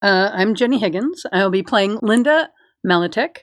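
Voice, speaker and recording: A woman's voice: medium pitch, animated, normal speed, no room sound. A woman chatting casually as a player in a tabletop game, a little hesitant and playful.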